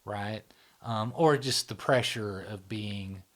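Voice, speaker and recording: The founder of a psychology channel explains ideas in casual conversation, using many fillers and tag questions and often trailing off into a near whisper. His voice is lowish and a bit bright, and he speaks slowly.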